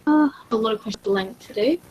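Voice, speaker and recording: A woman's voice, a little higher than most, comes through a breaking-up mic that crackles and drops out. She speaks casually and haltingly, sounding distant from the mic. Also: slightly rough, lo-fi sound. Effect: breaking-up mic that keeps cutting in and out. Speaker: caller on a live stream. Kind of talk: casual chat.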